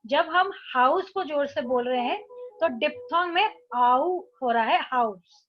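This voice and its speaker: A woman teacher explaining a textbook lesson, reading the English lines slowly and then explaining them in Hindi. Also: high voice, muffled recording.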